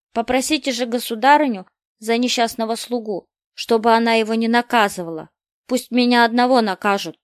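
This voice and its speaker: A woman's voice: fairly high pitch, no room sound, voice pushed up, lightly acted. A woman reading aloud, voicing a bold young peasant boy who pleads earnestly, in a dry close recording. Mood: pleading. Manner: pleading, heartfelt.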